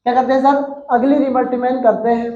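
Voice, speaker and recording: A man's voice: extremely high pitch, flat delivery, fast talker, warm tone, highs cut off. A male chemistry teacher giving a live online lecture, playful and teasing, scolding students with jokes and sayings. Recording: echoey room.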